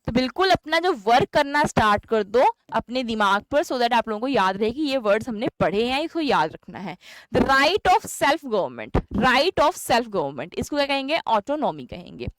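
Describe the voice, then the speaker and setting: A woman's voice: a little high, very animated, moderate pace, fairly bright tone, dry recording. A young Indian woman teaching an English exam-prep lesson, chatty, often asking questions and answering them herself. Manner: chatty, asks and answers her own questions.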